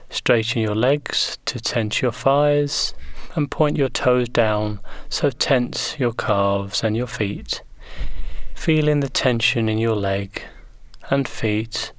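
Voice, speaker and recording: A man leading a guided progressive muscle relaxation in slow, gentle, soothing instructions. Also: medium pitch, no echo.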